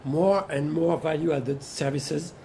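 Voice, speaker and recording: A man with a mellow, dark voice speaks very slowly as a conference panel guest. He often halts to search for words. Faint event ambience sits behind him. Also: on the high side, steady tone, a little hiss or hum. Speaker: panel guest, company executive. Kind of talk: panel discussion. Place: conference exhibition stand.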